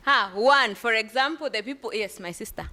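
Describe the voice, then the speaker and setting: A woman's voice: on the high side, normal speed, bright, forceful tone. A woman leading a workshop discussion, asking the room questions and laughing often. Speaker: workshop facilitator. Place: conference room.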